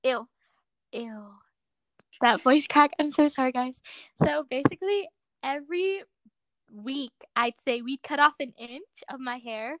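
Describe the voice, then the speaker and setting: A woman's voice: high voice, normal speed, a bit bright, no echo. A teenage girl co-hosting a casual podcast, giggly and chiming in with short agreements. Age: teens. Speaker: podcast co-host.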